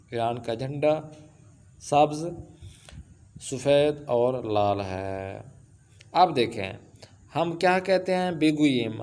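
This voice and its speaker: A man teaching Persian in an online lesson. He reads Persian sentences aloud and then explains them slowly, with many filler sounds. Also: mid-range voice, a little mellow.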